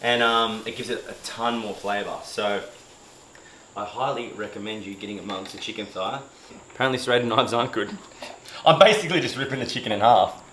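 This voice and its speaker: Speaking a bit fast in a fairly low, slightly bright voice, a man cooks for his fitness vlog in a home kitchen. A helper films him on a camera mic; the room sounds spacious with faint cooking noise, and he chats loosely, full of fillers and self-mocking jokes.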